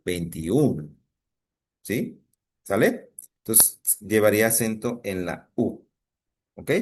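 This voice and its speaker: Low-voiced Mexican teacher checking in often. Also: male voice. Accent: Mexican Spanish. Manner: patient, checks in often with students. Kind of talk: online class lesson.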